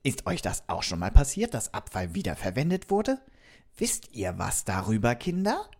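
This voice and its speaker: A man voicing a friendly, curious robot from another planet, telling a children's story and asking the kids questions. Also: mid-range voice. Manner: lively, talks directly to the kids with questions.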